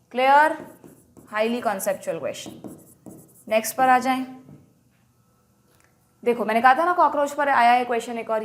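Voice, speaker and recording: A woman teacher with an Indian accent walking students through an exam paper, explaining each answer briskly and quizzing them as she goes. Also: high-pitched. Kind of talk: exam paper walkthrough lesson.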